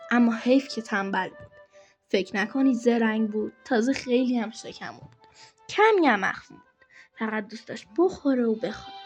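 A woman's voice: fairly high pitch, a little mellow. A woman narrating a folk tale for children in a rhythmic, storytelling way. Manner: slow, rhythmic rhyming storytelling.

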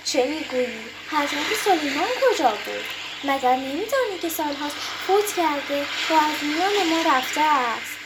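Brief: shrewd poor male fisherman in a storybook tale, a woman doing the voice, high, noisy recording. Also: big pitch swings. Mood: frightened. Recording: clear background noise.

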